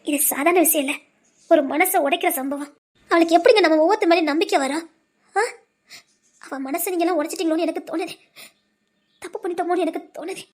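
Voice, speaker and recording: A worried middle-aged mother in a TV serial pleads with her sons in a soft, reproachful way. Her voice sits very high even when she speaks low and sorry. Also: fast talker, long pauses. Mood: remorseful.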